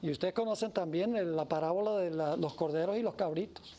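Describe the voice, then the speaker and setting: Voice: medium pitch, fairly quick, mellow. A preacher giving an emphatic sermon who acts out the voices of the story.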